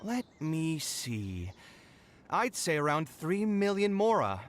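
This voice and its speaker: A man's voice: a little high, sing-song, slow pace, slight background noise. An actor playing an earnest, principled young male architect in a video game. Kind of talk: game voice acting.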